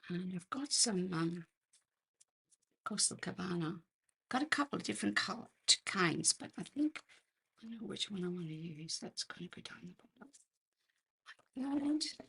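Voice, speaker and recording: Hosting a relaxed live craft tutorial, an Australian woman talks in an unhurried, chatty way and murmurs to herself as she works. Her mid-range voice is husky and croaky, and she clears her throat now and then.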